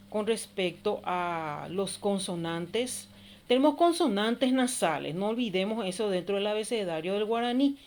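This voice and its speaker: Woman teacher, recorded class lesson, slow step-by-step explanations, mid-pitched voice. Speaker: primary school teacher.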